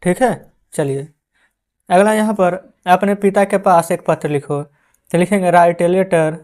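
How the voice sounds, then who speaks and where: A man teaching English as an online tutor, who spells out words letter by letter, calls his listeners friends again and again and slows down while dictating answers. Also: high voice, a little mellow. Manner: calls listeners "friends" in nearly every line.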